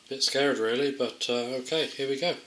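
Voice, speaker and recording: A mid-range, slightly bright male voice talks fairly quickly while casually demonstrating a gadget. As an amateur product tester, he thinks aloud without a script, hesitant and understated. The sound is roomy and echoey, with faint noise and clicks.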